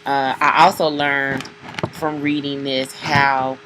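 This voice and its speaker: Very low-voiced woman, rambling review. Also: flat delivery, slow pace, background noise. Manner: rambling, hesitant, many fillers and restarts. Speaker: comic book reviewer. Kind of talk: casual spoken review.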